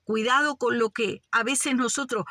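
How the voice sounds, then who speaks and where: A woman's voice: fairly high pitch, fairly even intonation, moderate pace, sharp tone, no room sound, clean studio sound. A woman preaching a fervent sermon, often calling her listeners beloved brothers. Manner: fervent, addresses "amados hermanos" often.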